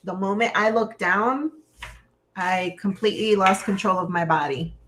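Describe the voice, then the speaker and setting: A woman's voice: medium pitch, moderate pace, a bit bright, a little hiss or hum. Chatty woman co-hosting a live stream. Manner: laughs easily, chatty. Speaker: co-host. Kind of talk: casual live-stream chat.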